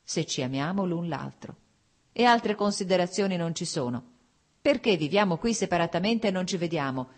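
A proud, defiant young noblewoman from a storybook reading, insistent and full of feeling, as a woman narrator gives her voice. The voice sits a little higher and brighter than the narrator's own low, husky tone. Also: expressive, moderate pace. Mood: impassioned. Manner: insistent and emotional.

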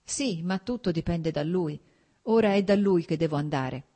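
A woman's voice: on the low side, moderate pace, dark tone, natural voice. A woman voicing a trembling, proud noblewoman near tears. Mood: anguished. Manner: trembling, pleading, close to tears. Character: distraught young noblewoman, proud and tearful.

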